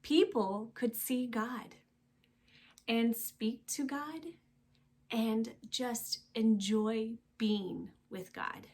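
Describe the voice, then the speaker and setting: A woman with a fairly high voice reads a storybook aloud to young children, expressive and emphatic. She uses dramatic pauses and lets her phrases end in a hush.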